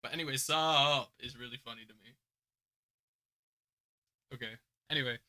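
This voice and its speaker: A young man hosting his channel and judging beatbox entries in casual reaction commentary, chatty, laughing often, and shifting between mumbled asides and loud remarks. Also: mid-range voice, normal speed. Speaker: beatbox judge and channel host. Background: beat music playing.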